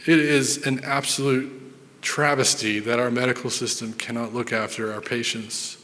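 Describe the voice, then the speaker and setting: A neurologist at a conference recounts patient stories earnestly, repeating words as he gathers his thoughts. He has a medium-pitched, fairly bright voice, and the large hall adds reverberation to the recording.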